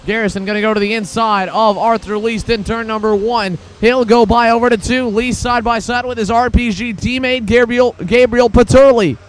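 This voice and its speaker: A male motorsport commentator with a very high-pitched voice delivers live race play-by-play. He calls the action urgently and excitably, following every move as it happens. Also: normal speed, hardly any pauses.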